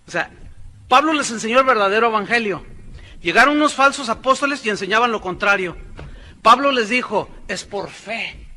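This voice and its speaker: A male pastor preaching a sermon, emphatic, swinging between loud declarations and hushed asides. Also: high voice, expressive, normal speed.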